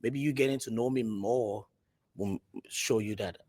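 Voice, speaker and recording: A man's voice: fairly low pitch, unhurried, a little mellow, no room sound. A man from Liberia, a dating show contestant, giving eager, rambling answers in casual chat.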